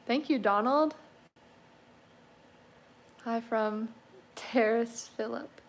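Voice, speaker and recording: A woman's voice: fairly high pitch, drawn-out words, slight background noise. A woman in her twenties, a car restoration creator answering livestream chat in a chatty, easygoing way with frequent laughs. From Canada. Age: 20s. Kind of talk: casual livestream Q&A reading chat.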